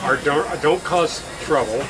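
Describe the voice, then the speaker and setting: A middle-aged man talks casually in a fairly high voice. He pauses and trails off, with clear hiss and ambient noise around him. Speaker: guest eating hot wings in a challenge. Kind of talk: casual chat. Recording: noisy outdoor setting with hiss.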